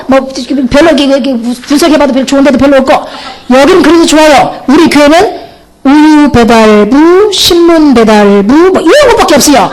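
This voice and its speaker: Middle-aged woman, pastor's wife, animated testimony sermon; high and expressive. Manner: animated, laughing, mimics others' voices. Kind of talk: lively testimony sermon to a camp.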